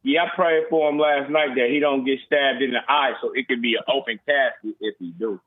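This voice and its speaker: A man's voice: medium pitch, steady tone, fairly quick, no echo. A man calling into a radio show on a phone that sounds like a speakerphone, talking bluntly and provocatively over the host. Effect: phone call that sounds like a speakerphone. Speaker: radio call-in caller. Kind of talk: casual call-in chat. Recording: tinny speakerphone line.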